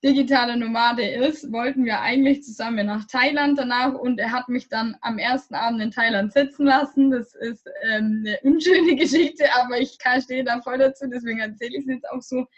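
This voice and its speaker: High-voiced chatty young woman. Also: fairly quick, few pauses, dull audio. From Germany. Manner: chatty, rambling, frequent fillers and laughter. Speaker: guest. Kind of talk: casual interview chat.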